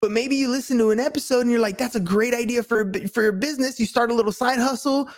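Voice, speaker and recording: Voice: mid-range voice, quick pace. A podcast co-host talking casually and motivationally, earnest and rambling, often checking that the listener agrees.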